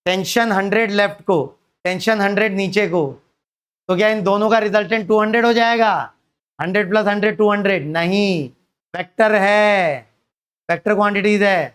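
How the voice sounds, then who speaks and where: Male physics teacher with a high, smooth voice. Quizzes the class and answers his own questions. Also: fairly even intonation, moderate pace, a bit bright. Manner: asks students questions and answers them himself, calls them beta. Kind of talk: classroom lecture.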